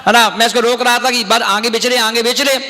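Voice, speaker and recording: A man's voice: extremely high pitch, fairly even intonation, fairly quick, bright, forceful tone, long reverb tail. A man voicing an impatient young male devotee who scolds a street vendor, within a sermon story. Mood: defensive.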